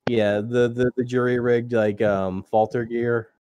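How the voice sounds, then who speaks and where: A man's voice: medium pitch, level tone, measured pace, a little mellow, no room sound. A man playing a tabletop role-playing game, chatting casually and stumbling over his words. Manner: puts on gruff foreign accent in character, stammers. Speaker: player. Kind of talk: tabletop role-play chat.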